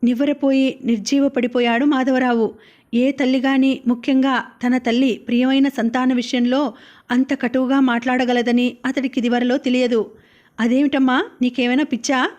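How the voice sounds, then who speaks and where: A woman reads a novel aloud in a high voice. She keeps a level, flat delivery with little movement in pitch, reading steadily as an audiobook narrator. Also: normal speed.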